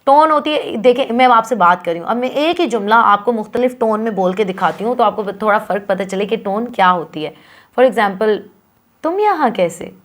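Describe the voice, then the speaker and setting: A woman's voice: mid-range voice, a little fast, a bit bright. A young woman teaching an online lesson, explaining points through acted client dialogues and slipping English phrases into her Hindi-Urdu. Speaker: freelancing skills instructor.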